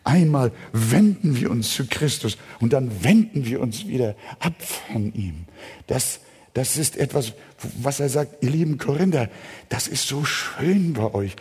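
A male pastor preaching a sermon in a church, with emphatic delivery that swells into loud, passionate stretches, and direct questions to the congregation. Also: mid-range voice, animated, measured pace, slightly rough. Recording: long church hall reverb.

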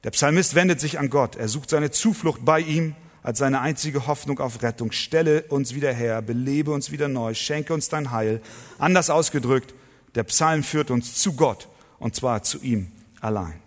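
A man preaching a sermon to his congregation, emphatic, asking rhetorical questions and swinging between loud and soft. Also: mid-range voice, normal speed. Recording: long hall reverb.

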